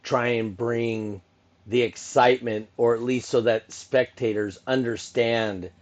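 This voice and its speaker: A middle-aged man with a mid-range voice and steady tone hosts a casual podcast conversation at a measured pace. He's a podcast host and event announcer who rambles, full of restarts, asides and "you know".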